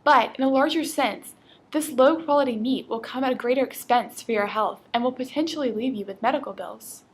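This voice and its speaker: A woman with a fairly high voice presents a scripted infomercial. She reads her lines aloud earnestly, as a presenter informing viewers. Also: brisk, husky.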